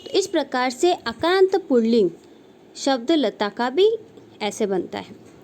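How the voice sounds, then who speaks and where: A woman teacher giving a recorded lesson, slowly reciting word forms aloud. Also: sits high, big pitch swings, darkish tone.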